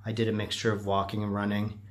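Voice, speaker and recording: A man's voice: on the low side, completely flat delivery, fast talker. A middle-aged man recording a casual personal vlog on a handheld phone, rambling and self-deprecating as he talks. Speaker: running vlogger. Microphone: phone at arm's length.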